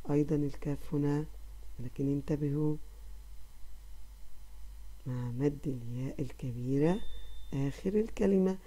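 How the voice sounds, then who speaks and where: Female kindergarten teacher, lowish warm voice, gentle praise, drawn-out sounds for children to repeat. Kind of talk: recorded online lesson for young children.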